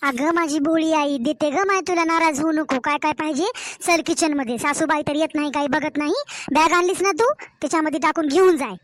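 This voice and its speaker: A woman's voice: high voice, lightly acted. A woman voicing a scheming, sweet-talking young married daughter in a cartoon story, chatty and coaxing. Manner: chatty, coaxing, drawn-out village-style talk.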